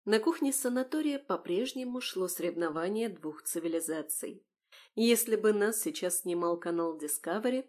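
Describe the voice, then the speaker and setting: Woman narrating an audiobook, wry and expressive, middle pitch voice. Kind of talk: first-person audiobook narration.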